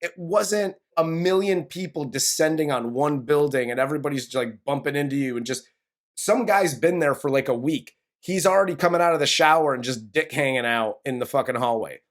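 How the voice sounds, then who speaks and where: A man's voice: on the high side, brisk. A man co-hosting a casual movie review podcast, ranting and swearing in a rambling way. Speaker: podcast co-host.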